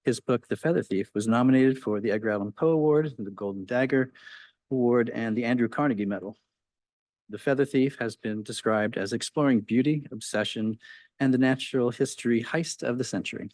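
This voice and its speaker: A man's voice: mid-range voice, brisk, a little mellow, dry recording. Man reading a formal introduction. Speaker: event host introducing the speaker. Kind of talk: scripted introduction. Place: lecture hall.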